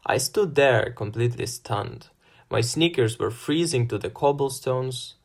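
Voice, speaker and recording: A man reading a first-person fantasy novel as scripted narration in a measured manner. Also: medium pitch. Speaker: audiobook narrator.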